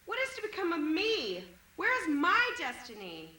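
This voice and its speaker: A desperate, ranting box of dehydrated milk wails in a shrill, piercing voice. The cartoon creature sounds very high and bright. Heard through a hissy VHS tape transfer. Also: male voice, wildly swooping pitch, moderate pace, full character voice. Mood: panicked. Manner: ranting, wailing.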